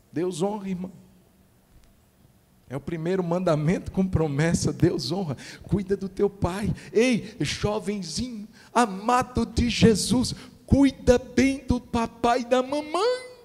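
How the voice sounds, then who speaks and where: A man preaching a sermon as pastor, emphatic, asking rhetorical questions and swinging between hushed and loud delivery. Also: mid-range voice. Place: church hall. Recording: long reverb of a church hall.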